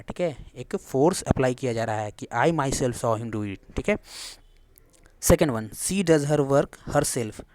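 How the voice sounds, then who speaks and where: A man teaching English grammar in Hindi, asking and answering his own questions and reading English examples slowly with an Indian accent. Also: mid-range voice, darkish tone, no room sound. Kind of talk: classroom explanation.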